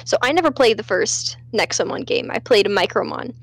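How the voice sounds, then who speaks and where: A woman hosts a let's play with casual game commentary, rambling along with plenty of fillers, restarts, and self-corrections. Her medium-pitched voice is expressive, has vocal fry, and moves at a moderate pace.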